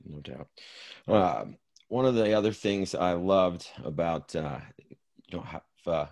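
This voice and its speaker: Deep-voiced man hosting, dry sound. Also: animated, slow, darkish tone, no echo. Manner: affirming, conversational. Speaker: podcast host. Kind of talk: casual interview chat.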